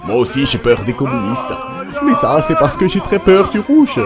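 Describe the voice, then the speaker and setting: A woman's voice: a bass voice, wildly swooping pitch, moderate pace, a crowd in the background, voice pushed down, exaggerated voice. A woman voicing a colorblind male doctor in a cartoon who exclaims in a panic. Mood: panicked. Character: colorblind male doctor, frantic and easily spooked. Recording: voice with loud music behind. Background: music.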